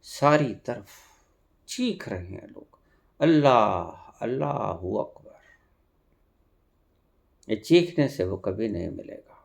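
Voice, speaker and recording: A male spiritual teacher speaks. His delivery is slow and deliberate, with a lively, swooping pitch that jumps up for sudden emphasis. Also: gravelly. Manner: slow, expressive preaching with sudden emphatic rises. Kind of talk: spiritual discourse.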